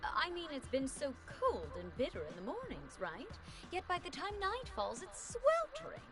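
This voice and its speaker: A woman's voice: extremely high pitch, wildly swooping pitch, moderate pace, exaggerated voice. A woman voicing a blunt, haughty, short-tempered young mistress in an anime game. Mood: matter-of-fact. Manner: blunt, snappish. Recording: music behind the voice.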